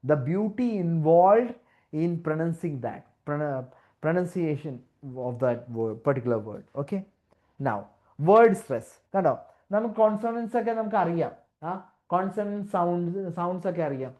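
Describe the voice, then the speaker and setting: A woman teaching English test criteria, mixing Malayalam with slow English and restarting her words as she explains. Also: lowish voice, lively intonation, warm tone. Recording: dull lo-fi audio.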